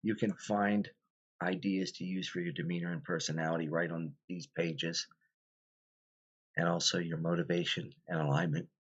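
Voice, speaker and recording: A man with a very low voice talks through a tabletop game tutorial in a loose, rambling way, full of ums and restarts. He sounds tired, as if holding back yawns. The recording is dull and lo-fi. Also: level tone, moderate pace. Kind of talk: casual explanatory tutorial.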